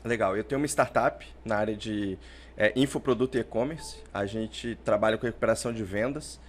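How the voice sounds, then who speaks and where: A startup founder from Portugal, raised in Brazil, answers interview questions as a podcast guest. His fairly low voice is brisk, and he's chatty, explaining things and often ending lines with "né?" There's a little hiss or hum on the audio.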